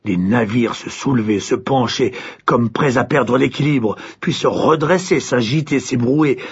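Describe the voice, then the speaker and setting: A man narrating a fairy tale with expressive, dramatic pacing and a husky voice. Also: mid-range voice, measured pace, highs cut off. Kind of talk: storybook narration.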